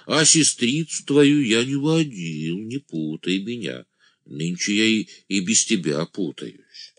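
A man voicing a simple-minded village man who calls himself an angel, speaking in a naive, drawn-out singsong. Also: fairly low pitch, animated, dry recording, clean studio sound, pitched above the performer's own voice. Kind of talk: audiobook character voice.

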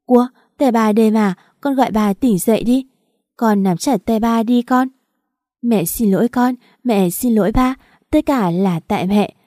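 A woman's voice: on the high side, measured pace, mellow, dry recording, clean studio sound, lightly acted. A woman voicing a young mother who pleads in tears at her husband's bedside, in an audiobook reading. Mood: soothing tearful. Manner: tearful, pleading.

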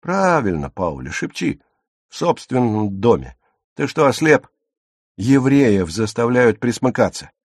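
A man reading an audiobook, voicing a hot-headed, bitter teenage boy in loud angry tirades. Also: fairly low pitch, dry recording, clean studio sound.

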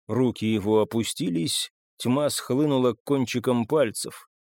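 A man narrating a dark fiction audiobook in a measured, dramatic way. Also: medium pitch, dry recording, studio quality.

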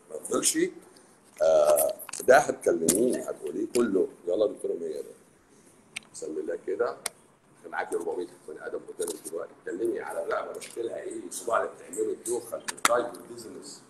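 A man with an Egyptian accent, a doctor hosting a live stream, talking in a sarcastic, teasing, animated way. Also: low-pitched, racing, slight background noise. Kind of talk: casual live stream talk. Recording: roomy echo.

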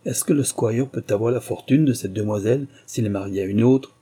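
A man reading an audiobook and voicing a loud, sly male rogue who talks in raised, emphatic bursts. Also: lowish voice, brisk, slightly rough. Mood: loud, insistent.

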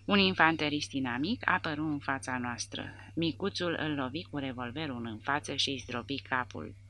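A woman narrating an audiobook in a measured, even reading. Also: a bass voice.

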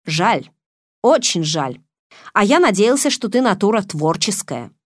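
A woman reading the lines of a smooth, menacing man on the phone, calm and mocking. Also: mid-range voice, a little slow, no room sound, clean studio sound.

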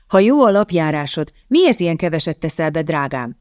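A doting father with a pipe, teasing and instructive as he coaches his daughter at cards, voiced by a woman narrating the book. His lines sit a touch lower and softer than the narration, in a dry, close recording. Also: sing-song, no echo. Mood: teasing fond. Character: fond card-playing father, pipe smoker.

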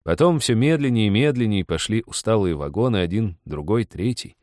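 A man narrating a literary short story in a measured, calm reading. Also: fairly low pitch, no echo, studio quality.

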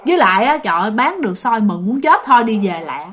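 A fiery young market woman selling sticky rice, with a Southern Vietnamese accent, as a woman storyteller puts her on. She sounds high and very lively, swinging widely in pitch and full of exclamations. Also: fast talker. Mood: worried.

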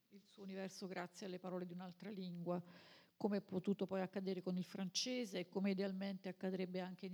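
A woman moderating a literary event, summarizing a guest's answers in a fluent, measured way. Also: mid-range voice, gravelly, a little mellow. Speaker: moderator and interpreter.

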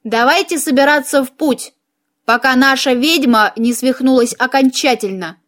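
A woman reading an audiobook, voicing a polite, ironic male elf commander in a measured way. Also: high voice, fairly bright tone. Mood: wry.

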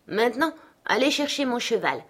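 A woman reader voicing a spoiled, haughty young girl who is quick to tears, speaking imperiously. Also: medium pitch, pitched above the performer's own voice, natural voice. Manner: imperious, indignant. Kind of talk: audiobook character voice.

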